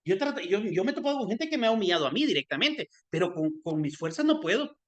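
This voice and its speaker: A man's voice: high-pitched, very animated, fast, a bit bright. A man telling a forgiveness story in an earnest, conversational preaching style, often restarting his sentences.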